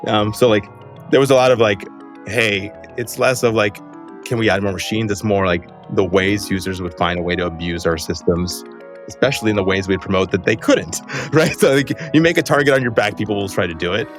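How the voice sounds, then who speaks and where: A man's voice: on the low side, a little fast, faint music behind. A man talking casually as a podcast guest, chatty and loose, leaning on "like" fillers and laughing through his sentences. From Los Angeles, USA. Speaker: guest, company co-founder. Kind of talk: casual interview conversation.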